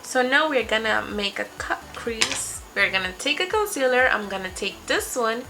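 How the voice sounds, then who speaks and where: Sitting at her desk on webcam in a small patterned-wall room, a young beauty vlogger whose first language is Spanish talks through each step as she applies makeup. Her voice sits on the high side with lively intonation at a moderate pace, and there's background noise.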